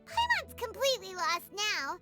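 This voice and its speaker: A woman voicing a tiny, childlike, bewildered fairy companion in a video game, with a squeaky delivery. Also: wildly swooping pitch, moderate pace, pushed and bright, heavily acted. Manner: squeaky, bewildered, speaks of self in third person. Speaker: game character. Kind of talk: scripted video game voice acting. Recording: music behind the voice.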